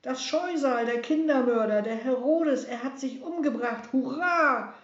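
A woman voicing cheering messengers on horseback, shouting triumphantly. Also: high voice, a little slow, pitched above the performer's own voice. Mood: jubilant. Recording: roomy, dull recording.

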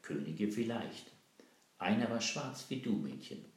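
A man voicing a grieving village mother who tells a secret in hushed, urgent tones. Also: lowish voice, lively intonation, unhurried, a little hiss or hum, voice pushed up. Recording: roomy echo.

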